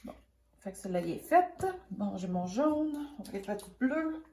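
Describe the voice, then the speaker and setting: Woman, Quebec French accent, relaxed dark tone, rambling tutorial talk, thinking aloud, has a cold, echoey room. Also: medium pitch, normal speed. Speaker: craft tutorial host. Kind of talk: casual hands-on painting tutorial.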